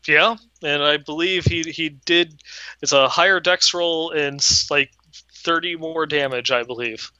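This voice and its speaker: Man, podcast co-host, long casual explanations, crisp voice, dry sound. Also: a little high, unhurried, pushed and bright, dry recording, lo-fi sound. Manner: explains game details at length, many restarts. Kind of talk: casual gaming chat.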